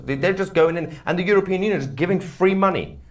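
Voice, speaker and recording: A man co-hosting a podcast with casual political commentary, measured and hesitant with frequent pauses. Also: high voice, animated. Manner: measured, hesitant with many uhs. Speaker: podcast co-host.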